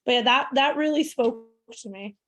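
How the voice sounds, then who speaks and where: A woman referee speaking frankly in a focus group over a video call, with pauses and restarts. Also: on the high side. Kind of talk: casual discussion.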